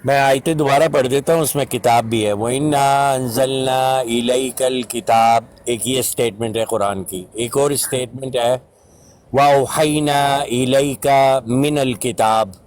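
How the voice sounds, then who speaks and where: A man's voice: mid-range voice, steady tone. A man in an online debate who insistently repeats his challenge and demands an answer, speaking over a video call.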